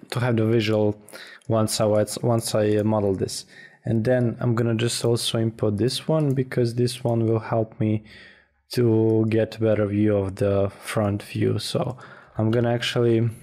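Male software tutor, informal voice-over. Slightly deep, monotone, hesitant, with repeated words. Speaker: tutorial instructor. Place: voice-over for a screen recording.

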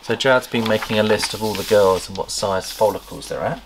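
In a reptile room lined with tubs, a middle-aged snake breeder with a low, gravelly voice chats enthusiastically to camera in a casual show-and-tell vlog, pausing to remember details. The camera sits across a table, and faint room noise is audible.

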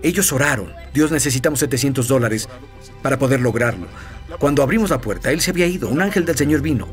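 A man, a guest minister, telling his personal testimony in a TV interview, lively, with chuckles and fillers. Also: mid-range voice, fast talker, soft background music.

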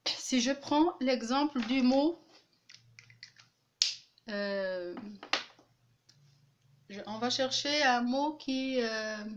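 Woman, French teacher: unhurried, repeats words syllable by syllable, hesitant restarts. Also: on the high side, lo-fi sound, slight background noise. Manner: repeats each word slowly, clapping out syllables. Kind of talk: slow classroom lesson.

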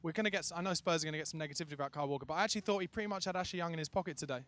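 Fast-talking young male fan interviewer. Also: fairly high pitch, a bit bright. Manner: quick, chatty and enthusiastic. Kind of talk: outdoor post-match fan interview. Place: outdoor car park by a stadium. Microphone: handheld microphone.

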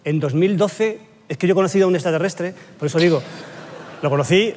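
A man with a high voice tells a long, exaggerated comic anecdote, swearing freely and laughing along. He rambles and restarts as he builds the joke. A faint hiss sits under the recording. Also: fast talker, a little mellow. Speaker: comedian panelist. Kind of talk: comic storytelling on a panel show. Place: TV studio with live audience.

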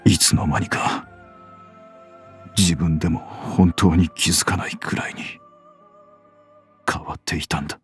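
A man voicing a tormented young man in a visual novel, speaking in a breathy, quavering way with game music behind. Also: sits low, steady tone, fairly quick, pauses often, close to an everyday voice. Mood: earnest. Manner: tense, breathy, quavering delivery. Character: tormented young man torn between love and killing.

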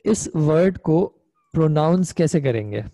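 A man's voice: fairly high pitch, animated, a little slow, dark tone, dry recording. A young man teaching an online Arabic grammar class, explaining patiently step by step and checking in with his students. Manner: patient, explains step by step, often asks "ठीक है?".

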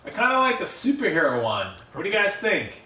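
A man's voice: high-pitched, wildly swooping pitch, quick pace, sharp tone. A man giving casual gameplay commentary on a livestream, thinking aloud and reading chat messages. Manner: musing, reads chat aloud, laughs often. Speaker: livestream gamer. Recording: roomy room, distant mic, faint noise.

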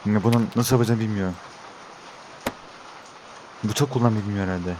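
A man's voice: fairly low pitch, fairly even intonation, normal speed, background noise. A young Turkish man giving let's-play commentary, talking to his viewers and getting frustrated with the game. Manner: exasperated, talks to viewers as he plays. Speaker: gaming YouTuber.

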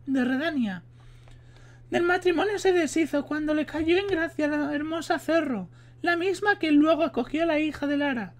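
Reading aloud in a Spain Spanish accent, a man adopts a high falsetto to voice a poised adult sorceress recounting history. He stumbles over words now and then and restarts lines.

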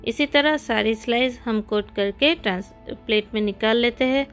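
A woman's voice: a little high, moderate pace. A woman hosting a cooking channel, giving friendly step-by-step recipe instructions in a voice-over. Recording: soft background music.

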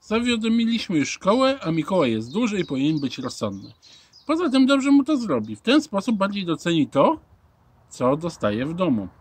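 A man voicing a small boy's mother who coaxes him gently but firmly. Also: high voice, very animated, moderate pace, husky, voice pushed up, exaggerated voice. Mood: coaxing. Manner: coaxing.

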